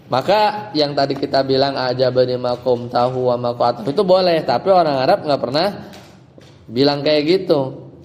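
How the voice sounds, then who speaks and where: A man's voice: medium pitch, a little mellow, long reverb tail. A man teaching an Arabic grammar lesson in a casual style, explaining step by step and asking his students rhetorical questions. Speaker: Islamic teacher.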